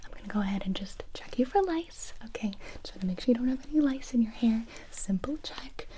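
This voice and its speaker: A woman's voice: fairly high pitch, expressive, fairly quick, a little hiss or hum. Whispering woman in comedic ASMR roleplay. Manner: soft close whispering with sudden voiced outbursts.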